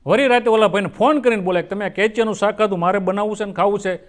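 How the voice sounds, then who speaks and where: A man's voice: high-pitched, very fast. A man telling folksy comic stories on stage and acting out his characters' lines. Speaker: folk comedian. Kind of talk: stage comedy storytelling.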